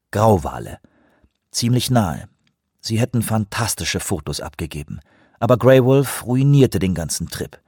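A man reading an audiobook in measured, dramatic storytelling narration. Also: on the low side, darkish tone, husky, no echo, studio quality. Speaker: audiobook reader. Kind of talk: scripted narration.

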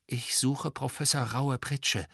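A man voicing an earnest, hurried teenage boy wizard in an audiobook. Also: mid-range voice, fairly even intonation, creaky, sharp tone, husky, no echo, clean studio sound, full character voice. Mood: urgent.

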